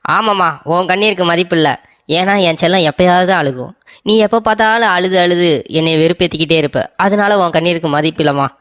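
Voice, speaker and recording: Voice actor doing a doting cartoon husband, fast-talking. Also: mid-range voice, fairly bright tone, smooth, no room sound, clean studio sound, close to an everyday voice. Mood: coaxing. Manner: coaxing, sweet-talking. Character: doting young husband, soft on his wife. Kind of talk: cartoon comedy voice acting.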